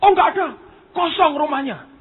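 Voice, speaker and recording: A man putting on an excitable old man. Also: extremely high pitch, normal speed, voice pushed up. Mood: eager. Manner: eager, loud, breathless exclamations. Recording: tinny phone-like lo-fi recording.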